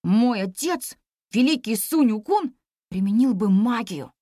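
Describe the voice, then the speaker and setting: A woman voicing an excitable, boastful monkey boy in a storybook reading, often whispering eagerly. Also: on the high side, a little slow, no room sound, studio quality.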